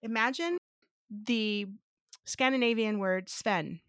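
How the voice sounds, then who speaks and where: Her voice a little high and clean, this woman speaks slowly as she walks her co-host through ideas step by step on their casual podcast. She is a native Spanish speaker who restarts sentences and poses rhetorical questions while thinking aloud, in a studio-quality recording with no echo.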